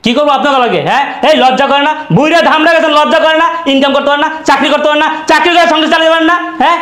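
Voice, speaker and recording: A man's voice: very high-pitched, rapid-fire. A man playing a bullying husband. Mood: angry bullying. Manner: hectoring, shouting threats. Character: greedy bullying young husband, threatening. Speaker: son-in-law demanding money. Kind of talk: amateur short-film acting. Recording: echoey room.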